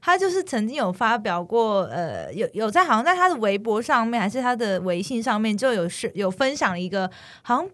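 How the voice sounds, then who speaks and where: A woman's voice: on the high side, big pitch swings, brisk, hardly any pauses, fairly bright tone. A woman in a casual podcast chat who tells a story hesitantly, with many fillers.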